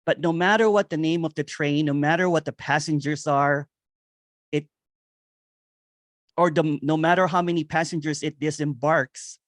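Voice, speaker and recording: A man giving a meditative spiritual reflection on nonduality, repeating phrases and chuckling softly now and then. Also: on the high side, fairly even intonation, normal speed, pauses often, no room sound, clean studio sound. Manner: meditative, repetitive, with soft chuckles. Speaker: nonduality speaker. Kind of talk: slow spoken spiritual reflection.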